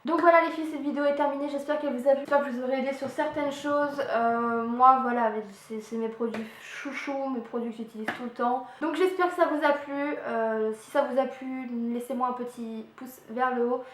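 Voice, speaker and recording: A woman's voice: high voice, steady tone, a little fast, hardly any pauses. Chatty young woman vlogging in an echoey room. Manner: chatty, lots of filler and little sound effects. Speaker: beauty vlogger. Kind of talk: casual product review vlog. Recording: echoey room with faint hiss.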